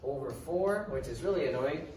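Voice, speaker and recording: A man's voice: a little high, expressive, normal speed, a little mellow, distant mic. A man teaching a math class, thinking aloud as he works through problems, casual with dry sarcasm. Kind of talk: classroom lecture. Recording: echoey classroom from afar, hiss.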